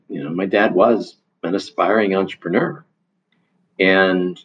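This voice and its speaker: A man answering interview questions in a measured way, often restarting his sentences. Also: sits low, slightly rough. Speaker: guest, foundation leader. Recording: dull lo-fi audio.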